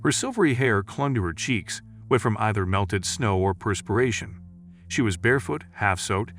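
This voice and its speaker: A man's voice: lowish voice, fairly bright tone. A man narrating a scripted sci-fi story in a dramatic, vivid way.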